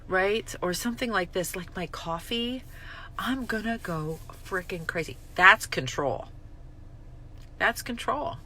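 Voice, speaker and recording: Blunt, animated woman vlogger. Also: lowish voice. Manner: blunt, swears, self-mocking, emotional swings. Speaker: recovery vlogger. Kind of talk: candid spoken reflection on a daily reading.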